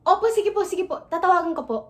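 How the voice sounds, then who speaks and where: A woman's voice: extremely high pitch, expressive, very fast. A woman playing a young singer live-streaming with her guitar, chatting in a Filipino accent and taking a polite phone call.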